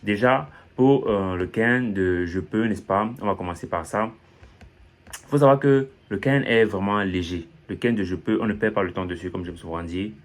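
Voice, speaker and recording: Guy with a low voice running a casual pronunciation lesson, keeps repeating examples. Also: normal speed. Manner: chatty, repeats example phrases, says "n'est-ce pas" often. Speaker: English pronunciation teacher.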